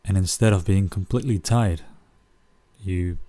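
A man narrating a soothing guided relaxation like a sleep story, speaking gently in short phrases with long pauses. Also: low-pitched, no echo.

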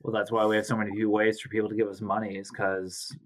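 With a completely flat, low voice and a quick pace, a man hosts a casual podcast chat from his home in Canada, recording remotely through a home mic on a video call. He has a sore throat and tends to ramble, crack jokes and self-correct.

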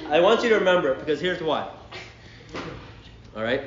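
A man preaches in a bright high register, his pitch leaping as he acts out the scenes. The sound is roomy and a little muffled, as if taped in a church hall. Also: brisk, a crowd in the background. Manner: animated storyteller, acting out scenes. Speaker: pastor. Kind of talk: sermon to a youth group.

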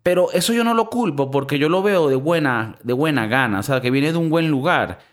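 This podcast co-host, who has a Venezuelan Spanish accent, talks fairly quickly in a fairly high-pitched voice. He's lively and slangy, and his casual banter is full of profanity.

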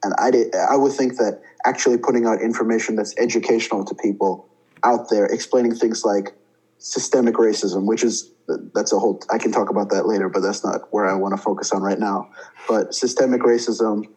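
Thoughtful young man, lowish voice. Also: steady tone, brisk, a little mellow, slightly rough, poor audio. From India. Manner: thoughtful, with many fillers and restarts. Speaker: student guest. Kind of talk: casual interview talk.

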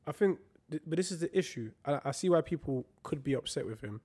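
Animated young London roadman, emphatic and slangy. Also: fairly high pitch, fast, husky. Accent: London, multicultural street slang. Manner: emphatic, repeats phrases for stress. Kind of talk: casual debate chat with street slang.

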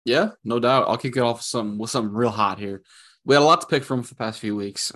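A man's voice: medium pitch, quick pace, a bit bright. Hyped man joking about football. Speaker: podcast co-host. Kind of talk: casual sports chat.

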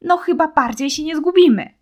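A woman reading a storybook and voicing a frightened, stubborn young boy who pleads and shouts in anger. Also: high-pitched, expressive, moderate pace, voice pushed up. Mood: glum.

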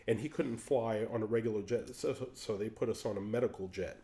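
Guy guesting on a podcast, chatty and animated, trips over his words when he gets fired up. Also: fairly low pitch, fast. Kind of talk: casual storytelling.

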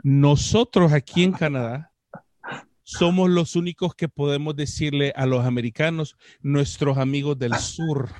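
A man hosting a podcast interview, joking and teasing his guest with quick banter. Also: on the high side, fairly even intonation, darkish tone, no room sound. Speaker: podcast host. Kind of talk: casual interview chat.

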